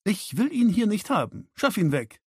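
A man's voice: on the high side, big pitch swings, a little slow, slightly rough, no room sound, clean studio sound, pitched above the performer's own voice, heavily acted. A man putting on a scornful hissing woman. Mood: hostile. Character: sharp-tongued hostile woman, adult daughter.

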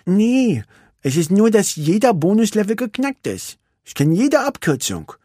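A man's voice: sits high, sing-song, measured pace, dark tone, dry recording, clean studio sound, pitched above the performer's own voice, full character voice. A man reading a storybook aloud, voicing a spirited, sassy young girl racer who talks in a cheeky, impatient way. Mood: restless.

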